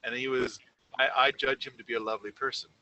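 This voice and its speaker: A man's voice: mid-range voice, little pitch movement, fast talker, sharp tone, slight background noise, poor audio. A man co-hosting a casual podcast, rambling through a story with many fillers and restarts. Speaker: podcast co-host. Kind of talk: casual conversation.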